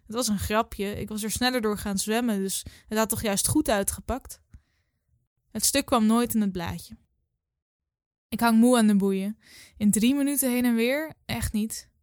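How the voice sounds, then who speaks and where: A woman in her twenties reading her own literary story aloud in a calm, measured way. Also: on the high side, no echo, clean studio sound. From Netherlands. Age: 20s.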